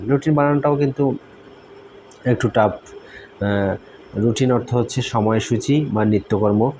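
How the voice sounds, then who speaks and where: A man teaching a spelling lesson, slowly spelling out letters and pausing often with filler sounds. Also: lowish voice, dark tone, slight background noise, poor audio. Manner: hesitant, many filler sounds.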